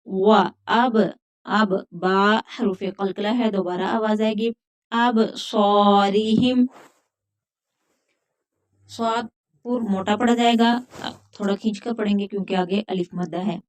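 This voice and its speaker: A woman teaching a Quran recitation lesson, patiently explaining pronunciation rules step by step and repeating words slowly. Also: medium pitch, steady tone. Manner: recites verses in a drawn-out chant.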